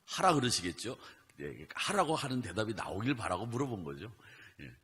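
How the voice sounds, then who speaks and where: Husky-voiced man preaching a lively sermon. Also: fairly low pitch, normal speed, long reverb tail. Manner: animated preaching with acted Bible quotes. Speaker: pastor. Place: church.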